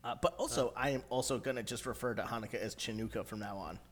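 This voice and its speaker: A man's voice: mid-range voice, fast talker, husky. A man co-hosting a podcast, telling a story casually and acting out the lines he quotes. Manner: storytelling banter, acts out quotes. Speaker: podcast co-host. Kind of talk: casual chat.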